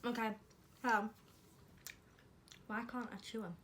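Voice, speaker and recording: A woman's voice: fairly high pitch, fairly even intonation, slow, fairly bright tone, slight background noise. A British woman chatting casually while tasting snacks, talking between bites and teasing herself. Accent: British English. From United Kingdom. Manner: chatty, eating while talking, self-mocking. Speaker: vlogger.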